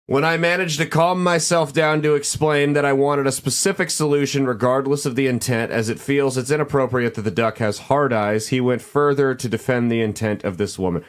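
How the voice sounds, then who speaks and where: A man hosting a podcast, reading advice letters aloud and joking sarcastically about them in casual commentary. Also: medium pitch.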